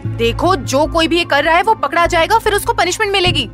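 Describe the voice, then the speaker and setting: A man's voice: extremely high pitch, animated, fairly quick, fairly bright tone, faint music behind, pitched above the performer's own voice. A male narrator voicing a flustered young woman schoolteacher who talks in an anxious, scolding way.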